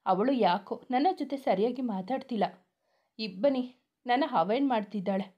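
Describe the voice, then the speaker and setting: A woman voicing a young elder brother who teases his sisters and turns quiet when hurt. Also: a little high, normal speed, highs cut off, natural voice. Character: loving, teasing young man, an elder brother.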